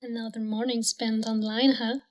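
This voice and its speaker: A man voicing a gentle, kind young woman in a children's storybook, speaking softly. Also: very high-pitched, level tone, moderate pace, voice pushed up. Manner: soft and gentle.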